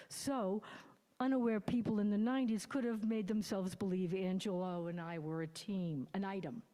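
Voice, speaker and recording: A woman's voice: mid-range voice, dark tone. A woman around sixty, sharing her own recovery story in a sermon in a candid, reflective and wry way. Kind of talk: personal testimony in a sermon. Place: church sanctuary. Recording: long hall reverb.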